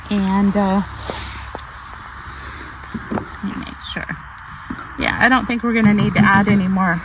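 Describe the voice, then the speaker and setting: A middle-aged woman with an Arkansas Southern accent, chatting casually and folksily as she demonstrates outdoor cooking. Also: mid-range voice. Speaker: outdoor cooking vlog host. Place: outdoors in snowy cold. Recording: noisy outdoor camera audio.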